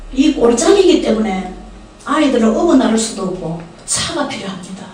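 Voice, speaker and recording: A prayer house director with a Gyeongsang Korean accent, an older woman, tells funny stories from the pulpit of a church sanctuary and questions and chats with her congregation. Her medium-pitched, darkish voice carries a little hiss or hum, recorded poorly on a distant mic in an echoey hall.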